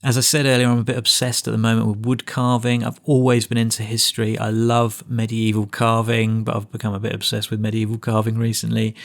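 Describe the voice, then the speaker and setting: A man's voice: lowish voice, creaky. A middle-aged man giving a reflective lecture, often restarting phrases and adding asides. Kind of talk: recorded lecture.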